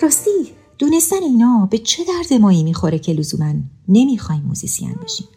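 A woman's voice: a little high, big pitch swings, dark tone, husky. A woman narrating a music lesson in a patient, explaining way, chanting rhythm patterns aloud. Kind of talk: scripted educational narration.

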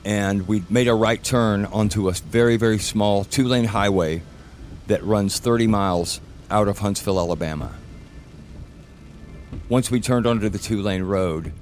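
A man recounts a personal story in a low voice. He sets the scene in short, measured phrases while faint music plays behind him. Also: a little mellow. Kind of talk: personal story told for a podcast.

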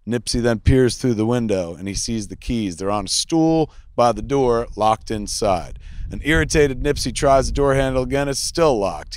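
A man's voice: medium pitch, clear, resonant tone, no echo, clean studio sound. A man reading a comedy script aloud, narrating action lines in a jokey, rambling way. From New Jersey. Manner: jokey, rambling, stumbles over words.

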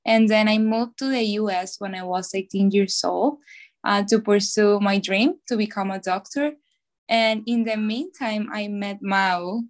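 A young woman from Venezuela, chatting in an interview with a lively, filler-heavy manner. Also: medium pitch, measured pace. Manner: chatty, lively, lots of "like" and "you know". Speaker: podcast co-host, guest. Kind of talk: casual interview.

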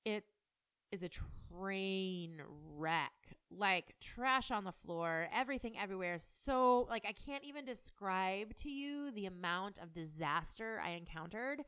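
Brief: middle-aged mom, candid home vlog storytelling, smooth clear voice, frank and emotional. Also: female voice, mid-range voice, normal speed, few pauses. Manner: frank, animated and emotional, swears freely. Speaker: mother and business owner.

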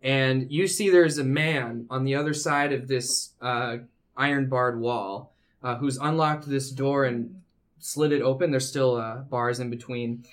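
A man narrating a tabletop game as game master, improvising descriptions and pausing to find his words. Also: medium pitch, fairly even intonation.

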